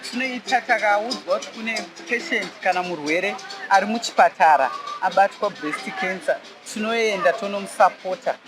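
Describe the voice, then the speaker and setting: Earnest volunteer over clear music. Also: mid-range voice, moderate pace. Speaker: support group volunteer. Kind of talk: interview answer in Shona.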